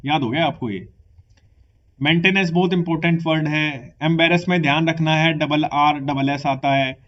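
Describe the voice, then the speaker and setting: A man's voice: on the high side, lo-fi sound. Man teaching vocabulary in mix. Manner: explaining patiently, mixing English words into Hindi, repeating "ठीक है". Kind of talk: exam vocabulary lesson.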